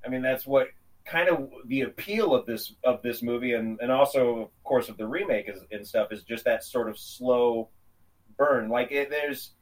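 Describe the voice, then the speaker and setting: Man, mid pitch, set back from the mic, casual film chat, rambling with restarts. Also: normal speed, distant mic, low-quality recording. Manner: rambling, many restarts, laughs while talking. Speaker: podcast co-host.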